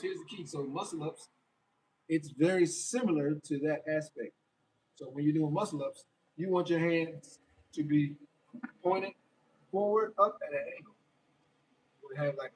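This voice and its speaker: A man's voice: a little high, far from the mic, a little hiss or hum, rough recording. Man, young adult, casual livestream talk, answering viewer comments, slightly raised voice, a bit away from the mic. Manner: reads out viewer comments and answers them chattily. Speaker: fitness livestreamer.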